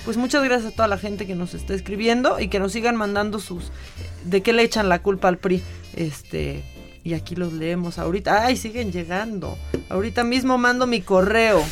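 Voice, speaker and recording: A woman's voice: mid-range voice, moderate pace, soft background music. A woman co-hosting a radio show, chatty and joking in casual conversation. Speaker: radio co-host. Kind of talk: casual chat.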